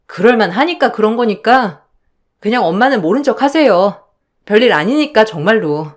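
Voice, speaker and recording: In a radio drama, a woman plays a sharp-tongued young wife who stands her ground, firing back firm, indignant retorts. Her voice is a little high and expressive, at a moderate pace.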